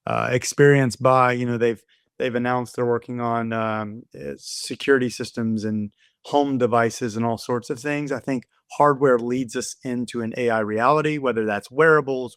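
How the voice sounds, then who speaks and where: A man's voice: mid-range voice, no room sound, studio quality. A man being interviewed on a podcast, enthusiastic and often repeating words as he restarts his sentences. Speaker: guest, design studio founder.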